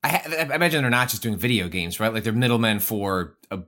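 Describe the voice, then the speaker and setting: A man's voice: lowish voice, lively intonation, fast, sharp tone. A man hosting an interview, asking curious, loosely worded questions. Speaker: interview host.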